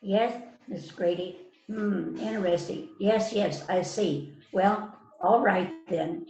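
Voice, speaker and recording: A woman with a mellow mid-range voice plays a stern female detective interrogating suspects in an amateur mystery reading. Her mood is musing, and her read-aloud delivery is halting, full of stumbles and repeats. The online call sounds echoey, muffled, and noisy.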